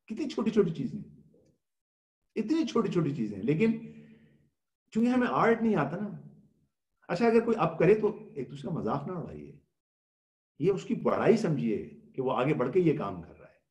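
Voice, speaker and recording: Male religious lecturer with a fairly high voice; patient, explanatory, poses questions and answers them. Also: very animated, long pauses, darkish tone, roomy sound. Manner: mixes English words into speech. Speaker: religious scholar giving a Ramadan talk.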